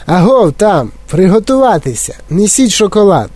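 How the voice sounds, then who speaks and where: A male storyteller puts on a fizzing, eccentric chocolate maker from a children's storybook. He pitches up high and barks eager orders. The voice sits close and dry. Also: very animated, normal speed, darkish tone, no echo. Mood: commanding. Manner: exclaiming, bossy and eager.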